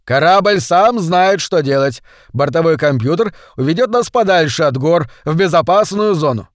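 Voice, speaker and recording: A man voicing a colony governor who shouts reassurance to his passengers in a storybook reading. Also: on the high side, lively intonation, normal speed, dry recording, lightly acted. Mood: insistent calming. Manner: shouting over noise.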